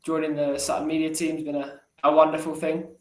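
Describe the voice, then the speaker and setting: A man's voice: fairly high pitch, completely flat delivery, quick pace, a little mellow, roomy sound. A man telling stories as a regular podcast contributor in casual chat, rambling with restarts.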